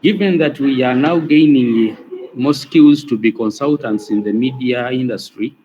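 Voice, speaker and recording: A man with a Ugandan English accent, a student speaking up in an online class, slow and deliberate with long pauses. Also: mid-range voice, warm tone, highs cut off, slight background noise. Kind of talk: class discussion. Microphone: video call.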